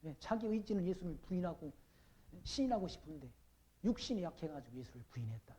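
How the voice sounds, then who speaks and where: A male pastor preaching a sermon. He reads scripture slowly and forcefully, asks the congregation questions, and moves between loud declaiming and quiet asides. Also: high-pitched, big pitch swings.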